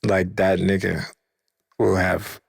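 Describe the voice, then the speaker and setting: A podcast host, a man, tells a story in loose, profane slang and bumps his voice up whenever he acts out what someone said. His voice is deeply gravelly and husky, and it sits close and dry with no room around it. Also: little pitch movement, takes it slowly, no room sound. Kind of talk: casual storytelling.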